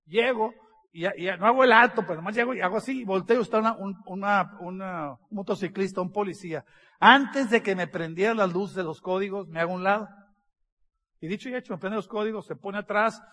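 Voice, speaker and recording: A man's voice: high voice, fast, sharp tone. A man, speaking as a business speaker. He tells humorous stories to an audience, acting out the dialogue and laughing along.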